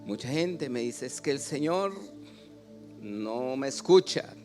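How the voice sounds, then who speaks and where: A Mexican man, a pastor, preaching a sermon. He asks the congregation questions, has them read along, and often builds up to loud exclamations. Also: medium pitch, expressive, slow pace, music in the background.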